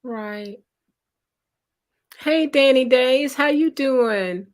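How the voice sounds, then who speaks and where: Woman host, slightly high voice, slow easy delivery, friendly live-chat greeter. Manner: greets viewers by name, reads chat aloud; unhurried, conversational. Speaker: livestream host. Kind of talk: casual live-stream chat.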